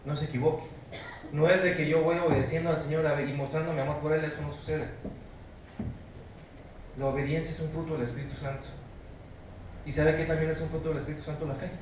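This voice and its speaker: A man with a Mexican Spanish accent preaching a sermon as pastor, emphatic, moving between loud exhortation and low, hushed stress while questioning his congregation. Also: level tone, fast talker, long pauses, a little hiss or hum. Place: church sanctuary. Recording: very echoey church recorded from a distance.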